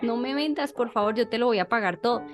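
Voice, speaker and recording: A woman's voice: on the high side, fast, over music, natural voice. A woman voicing a desperate servant who begs his master not to sell him. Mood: pleading. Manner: pleading, repeating himself. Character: desperate indebted servant man begging mercy.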